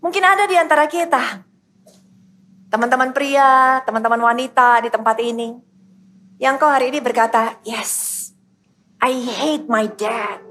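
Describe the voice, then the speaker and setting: A woman's voice: a little high, fairly bright tone, a little hiss or hum. A woman pastor with an Indonesian accent preaching a youth sermon, telling a personal story in an emphatic way and repeating her phrases. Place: church hall in a mall.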